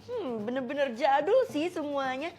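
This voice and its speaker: A woman's voice: high-pitched, sing-song, moderate pace, darkish tone, soft background music. A woman narrating a cartoon story in a casual, curious, slangy way as its lead character.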